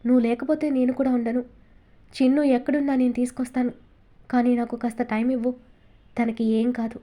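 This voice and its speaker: Woman voicing a gentle young man in love. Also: a little high, little pitch movement, fairly quick, lightly acted. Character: young man, devoted and teasing lover.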